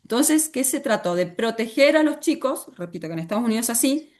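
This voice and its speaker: A woman's voice: a little high, expressive, a little fast, a little mellow. A woman teacher with an Argentine accent, lecturing a class and often stopping to ask the students questions. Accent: Argentine Spanish. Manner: asks the class frequent questions.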